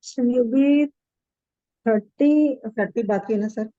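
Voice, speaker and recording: A woman's voice: on the high side, takes it slowly, narrow, tinny audio. A woman student politely correcting her teacher during a class.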